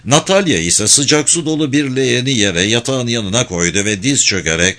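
Male narrator, audiobook, steady middle voice. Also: mid-range voice, normal speed. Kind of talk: audiobook reading of a novel.

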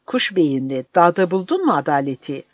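A man voicing a cruel, mocking soldier who shouts and taunts, on a dull, dry recording. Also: fairly high pitch, sing-song, moderate pace, no echo. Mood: angry. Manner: jeering, shouting.

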